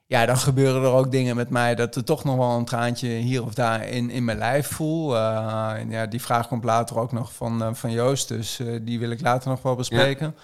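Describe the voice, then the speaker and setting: A man's voice: medium pitch, flat delivery, normal speed, few pauses, clear, resonant tone. A man casually recounting his experiences as a trail runner, acting out his own thoughts as he tells it. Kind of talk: casual conversational storytelling.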